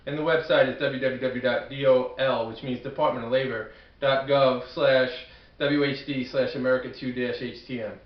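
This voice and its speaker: A man with a Brooklyn accent gives an informal amateur student presentation, halting and self-deprecating, often repeating his words. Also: medium pitch, steady tone. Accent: Brooklyn, New York. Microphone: camcorder at a distance. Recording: echoey room, distant muffled camcorder microphone.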